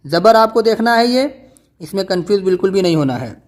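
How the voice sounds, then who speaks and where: A man teaching Quran reading, slowly spelling out syllables in patient, drawn-out drills. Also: sits high, lively intonation. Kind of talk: slow spelled-out recitation lesson.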